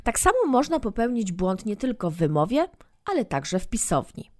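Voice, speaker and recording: A woman teaching as a language instructor, giving a clear, deliberate scripted lesson and carefully demonstrating pronunciation. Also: mid-range voice, sing-song, a little mellow, no room sound, studio quality. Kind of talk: scripted educational narration.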